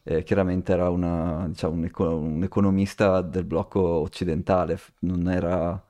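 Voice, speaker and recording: A man's voice: deep voice, little pitch movement, normal speed, dark tone. A man co-hosting a podcast, telling a story in casual chat, rambling with many restarts and fillers. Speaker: podcast co-host.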